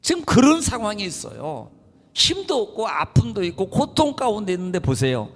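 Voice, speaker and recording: A man preaching a sermon as a pastor, animated and swinging between low murmurs and raised exclamations. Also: moderate pace. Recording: long hall reverb.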